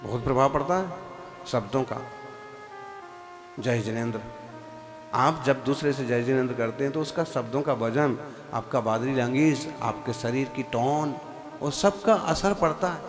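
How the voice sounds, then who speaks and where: A man's voice: mid-range voice, normal speed, big-room sound, over music. A man, a Jain monk, giving a sermon to a seated congregation, asking them rhetorical questions and sometimes slipping into a chant. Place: large hall before a seated congregation.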